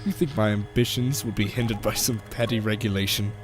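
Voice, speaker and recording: A man's voice: lowish voice, fairly even intonation, brisk, natural voice. A man playing a smug, cruel alien megalomaniac in an audio drama, theatrical and disdainful. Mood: gloating. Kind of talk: audio drama villain acting. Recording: fan audio play under loud music.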